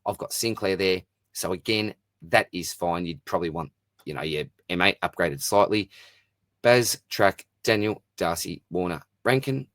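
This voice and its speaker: A man hosts a casual solo fantasy sport Q&A, reading out mailbag questions and answering them in a chatty, matey style loaded with slang. His voice is low and fairly bright, at a normal speed, with no room sound.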